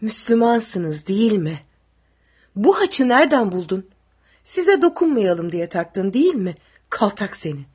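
A woman voicing a brutal tall male soldier who barks threats and orders, with a husky voice. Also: medium pitch, lively intonation, moderate pace, darkish tone. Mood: vicious.

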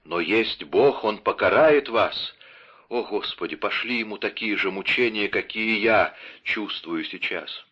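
A man's voice: fairly low pitch, unhurried, pushed and bright, slightly rough, exaggerated voice. A man reading the part of a poisoned soldier in an audiobook, crying out in anguish and accusation. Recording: dull lo-fi audio.

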